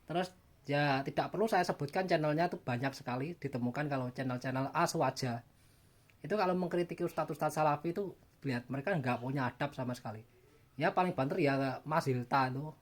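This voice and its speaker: Male channel host, casual opinion monologue; emphatic, repetitive, wry and mocking. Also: medium pitch. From Java, Indonesia. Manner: emphatic, repeats himself, mocking asides.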